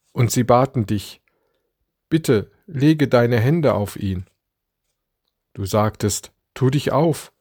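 A man reading an Advent devotion aloud as a preacher, slow and deliberate, giving quoted lines some drama. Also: mid-range voice, darkish tone, no room sound, studio quality.

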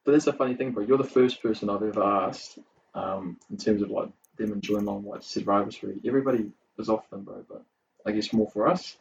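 Man, New Zealand accent, casual podcast interviewer, slightly low pitch, slangy, dull distant recording. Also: brisk, gravelly. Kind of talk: casual chat. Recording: dull, distant mic with faint noise.

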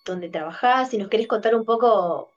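A woman's voice: a little high, normal speed, lo-fi sound. Chatty woman co-host. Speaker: podcast co-host. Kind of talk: casual interview.

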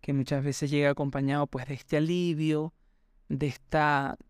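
A man's voice: a little high, little pitch movement, normal speed, clear, resonant tone, no echo, studio quality. A man hosting a personal podcast, telling a reflective, rambling story and addressing his listeners directly. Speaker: podcast host.

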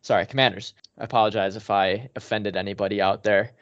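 A man's voice: on the low side, fairly even intonation, quick pace, dry recording. A man hosting a casual sports podcast, talking conversationally and upbeat in short emphatic bursts. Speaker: podcast host. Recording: slightly dull lo-fi mic sound.

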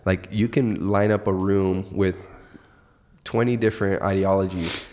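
Man, low voice, casual storytelling host, restarts a lot, long echo. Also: measured pace. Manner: relaxed, storytelling, many restarts. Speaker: podcast host. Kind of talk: casual chat.

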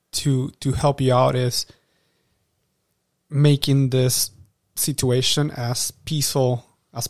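Flat-voiced man, an earnest veterinarian. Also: medium pitch, dry recording, studio quality. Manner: earnest and reassuring, repeats for emphasis. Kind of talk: interview answers.

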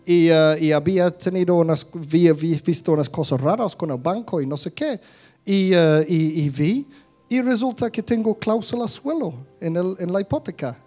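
A man with a notably high voice gives a relaxed, chatty talk to his listeners. He stumbles and restarts often and acts out small scenes as he goes. Faint music plays underneath. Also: moderate pace. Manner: conversational, many restarts, acts out little scenes. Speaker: speaker giving a talk on thoughts and emotions. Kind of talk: casual spoken talk to an audience.

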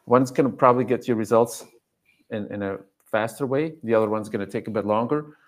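A Belgian dog coach, guest on a podcast and not a native English speaker, talks in a mid-range voice at a slightly fast clip. His casual conversation turns into long, emphatic explanations of dog training.

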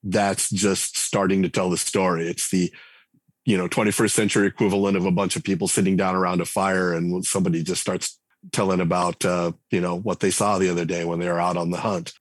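A man with a low, level voice talks a little fast, with no echo. He's a game writer and designer guesting on a podcast, and his conversational answers ramble thoughtfully, packed with fillers and restarts.

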